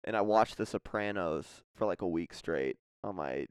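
A man's voice: sits low, expressive, moderate pace, clear, resonant tone, dry recording, clean studio sound. A young man in casual chat among friends, laid-back, swearing freely and calling everyone dude and man.

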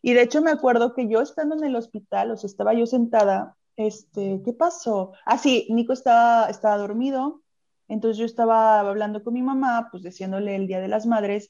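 A woman with a Mexican accent chatting casually, telling a personal story in a lively way and acting out other people's voices. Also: on the high side. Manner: lively storyteller who acts out quoted voices. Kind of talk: casual chat. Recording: slightly muffled lo-fi audio.

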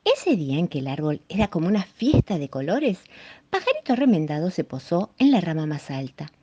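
A woman reading a children's folk tale aloud with an expressive delivery. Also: fairly low pitch, a little fast, slightly rough, highs cut off. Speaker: storyteller. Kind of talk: scripted storytelling for children.

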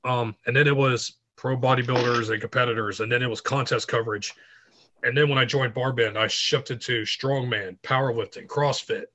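Male guest, middle-aged, bright edge to the tone, storyteller who acts out quotes. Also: mid-range voice, moderate pace, highs cut off. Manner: animated anecdote teller, acts out quotes. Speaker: guest, fitness writer. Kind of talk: casual interview storytelling.

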